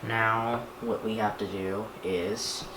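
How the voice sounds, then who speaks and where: A YouTuber with a low voice unboxes and sets up a radio, narrating casually as he handles the items. He speaks slowly with fairly even intonation, and the room is echoey, with clear background noise.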